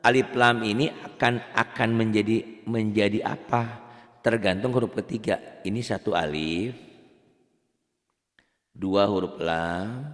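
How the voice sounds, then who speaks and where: A man teaching Quran recitation in a casual, patient way, stretching the example words into slow chanted recitation. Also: fairly low pitch, long reverb tail. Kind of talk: casual spoken tajwid lesson.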